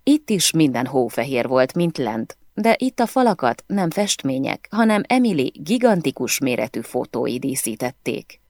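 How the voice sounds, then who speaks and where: Female audiobook reader, low and lively delivery, dry studio sound. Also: hardly any pauses, dry recording. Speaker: audiobook narrator. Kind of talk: scripted first-person audiobook narration.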